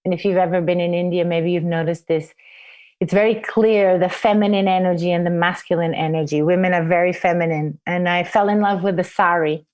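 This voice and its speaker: A woman's voice: fairly low pitch, fairly even intonation, a little fast. A woman in her forties from Portugal, telling her life story reflectively in an interview. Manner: reflective, soft-spoken, restarts with fillers. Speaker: guest, forest therapy guide trainer.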